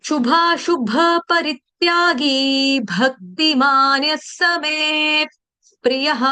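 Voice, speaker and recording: Breaking verses into syllables, a female teacher slowly drills her class in recitation, quizzing students and tossing in brief asides. She has a high-pitched, fairly bright, clean voice.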